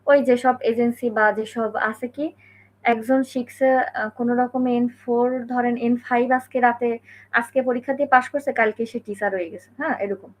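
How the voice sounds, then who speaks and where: A woman's voice: on the high side, fairly even intonation, a little fast. Chatty woman from Bangladesh explaining. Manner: conversational, many fillers and check-ins. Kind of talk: casual explanatory talk.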